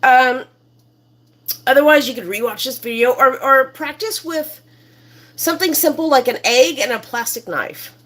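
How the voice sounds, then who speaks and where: A slightly high-voiced woman walks through a recipe in her home kitchen. She talks in a chatty, rambling way with plenty of fillers as she hosts her own cooking show. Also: moderate pace, fairly bright tone. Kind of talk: casual cooking demonstration.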